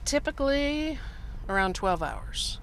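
A woman's voice: high voice, very animated, slow pace, fairly bright tone. A woman from Nashville, a taxi driver chatting casually with a rider in her cab and laughing easily. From Nashville, Tennessee. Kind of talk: casual chat during a ride. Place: inside a taxi at night. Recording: car interior with faint street noise.

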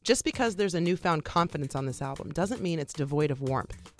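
A woman's voice: low voice, lively intonation, brisk. Woman radio host narrating over faint music.

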